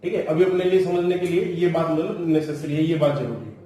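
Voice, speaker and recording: A male math teacher with a rather high, steady, mellow voice explains formulas to his class step by step. He repeats key phrases and slows down to dictate formulas. The room is very echoey, and he sounds distant from the mic.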